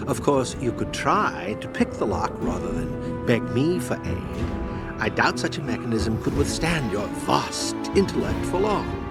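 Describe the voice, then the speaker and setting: A man's voice: mid-range voice, sing-song, a little slow, vocal fry, over loud music. An actor playing an ancient, mocking spirit in a fantasy game, pompous and sarcastic in his condescension. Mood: mocking sarcasm. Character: ancient mocking male spirit bound to a bloodline. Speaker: tutorial guide. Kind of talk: theatrical fantasy game voice acting.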